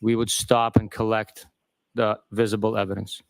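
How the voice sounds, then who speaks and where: Flat-voiced male sergeant testifying. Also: fairly low pitch, no room sound. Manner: measured, guarded answers. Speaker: police sergeant witness. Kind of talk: courtroom testimony.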